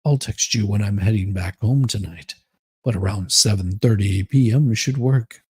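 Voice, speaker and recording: Voicing a stiff, earnest man who won't commit, he gives a dramatic reading that is measured and solemn. The voice is husky, low-toned and a little mellow, with no room sound.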